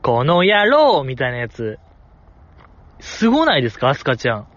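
A man's voice: mid-range voice, huge pitch swings, a little fast, a bit bright, no room sound, dull audio. A man with a Kansai accent talking casually outdoors, reviewing voice performances and playfully acting out the lines he quotes. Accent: Kansai Japanese. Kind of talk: casual solo talk. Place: outdoors in the cold.

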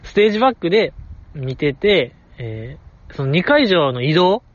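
Lively Kansai man rambling on a podcast. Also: on the high side, moderate pace, muffled recording. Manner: rambling, self-correcting, often apologizing. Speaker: podcast host. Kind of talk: casual solo podcast talk.

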